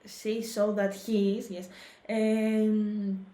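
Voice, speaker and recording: A woman's voice: mid-range voice, little pitch movement, drawn-out words, mellow. Musing woman with a roomy echo. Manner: thoughtful, restarts and hesitates often. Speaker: reaction video host. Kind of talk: casual commentary.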